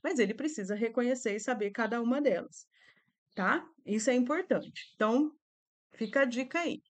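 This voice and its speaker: A woman's voice: fairly high pitch, expressive, normal speed. A Brazilian woman teacher with a Brazilian accent, explaining reading activities to other teachers in a chatty way, checking in often with little tag questions. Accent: Brazilian Portuguese.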